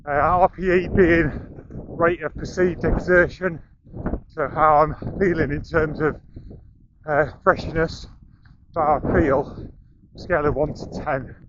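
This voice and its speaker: A man's voice: fairly high pitch, steady tone, slow, long pauses. A middle-aged man giving vlog commentary while running outdoors, slightly out of breath, in short phrases. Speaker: amateur runner filming a training run. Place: outdoors on coastal paths and residential streets. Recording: muffled outdoor camera audio with noise.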